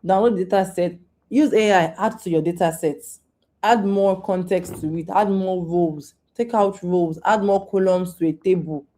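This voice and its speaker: A woman answers questions in a live online session over a video call. Her voice sits low and mellow, with a relaxed, warm tone. She talks informally, restarting and repeating herself as she coaches. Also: moderate pace. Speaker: guest speaker on data careers.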